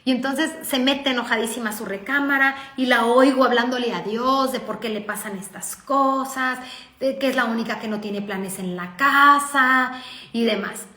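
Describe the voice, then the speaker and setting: A woman's voice: on the high side, moderate pace. A woman with a Mexican accent, telling a family story in a talk for parents and acting out the dialogue. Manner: lively, acts out dialogue. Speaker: parenting speaker. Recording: echoey room.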